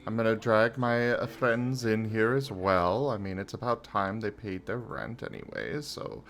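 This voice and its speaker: A man's voice: fairly low pitch, a little slow. A man playing a cocky, theatrical mage leading a ritual in a tabletop game, with a showy manner. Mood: confident. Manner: showy, animated.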